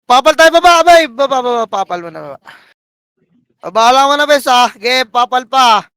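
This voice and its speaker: A man calling shots for his team in live game voice chat, barking rapid commands and countdowns and swearing. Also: very high voice, lively intonation, sharp tone, clear, resonant tone, dry recording. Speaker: team shotcaller.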